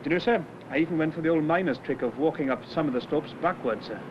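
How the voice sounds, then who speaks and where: An actor playing a good-humoured, deferential police subordinate in a 1970s television drama, respectful and wry with some hesitancy. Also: male voice, a little high, fast, close to an everyday voice. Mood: wry, rueful. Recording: muffled, noisy 1970s television location sound.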